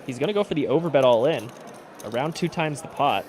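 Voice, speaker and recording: A man's voice: mid-range voice, animated, fast, darkish tone. A man giving live poker commentary as a stream commentator, explaining the play in an analytical way. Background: poker players chattering.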